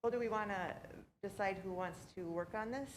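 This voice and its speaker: A woman's voice: medium pitch, brisk. Chatty woman on a call with faint hiss. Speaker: commission member. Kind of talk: casual meeting talk.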